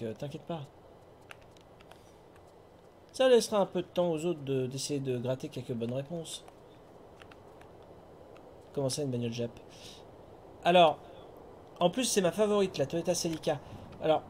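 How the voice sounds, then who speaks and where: Chatty streamer, slightly high voice. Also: male voice, a little mellow, a little hiss or hum. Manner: chatty, talks to himself and chat, hums tunes. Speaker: streamer playing a video game. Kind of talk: casual live game commentary.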